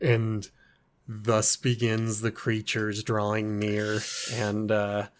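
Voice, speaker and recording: A man co-hosting a casual movie podcast, animated, his voice jumping up when he gets excited, laughing often. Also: on the low side, slow. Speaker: podcast co-host.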